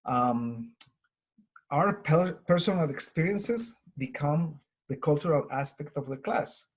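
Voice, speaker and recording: A man's voice: fairly high pitch, animated, slow. A man from Colombia with a strong Colombian Spanish accent, presenting a teacher webinar in an earnest, conversational way with many fillers.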